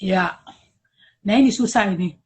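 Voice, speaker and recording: Husky woman, lively and acting out voices. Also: mid-range voice. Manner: lively, acts out parents and children in quick voices, laughs often. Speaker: guest speaker, pastor and teacher. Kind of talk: casual chat.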